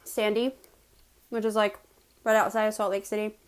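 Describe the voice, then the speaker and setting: A woman from West Virginia with an American accent tells personal stories in a casual, chatty way to viewers, pausing to chew as she eats. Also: medium pitch, little pitch movement. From West Virginia, United States. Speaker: mukbang host telling personal stories.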